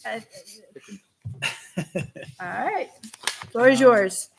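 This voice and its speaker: Higher-voiced woman chairing a meeting. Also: sing-song, very slow, gravelly, slight background noise. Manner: friendly, thanks speakers, light joking. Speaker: committee chair.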